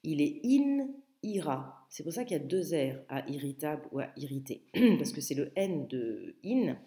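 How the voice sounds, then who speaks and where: Une femme, professeure de latin, lit des phrases latines à voix haute, puis les traduit et les commente posément pour des débutants. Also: female voice, low-pitched, big pitch swings, normal speed, mellow, roomy sound. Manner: reads Latin aloud, then translates and comments patiently. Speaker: Latin teacher. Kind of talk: explanatory lesson.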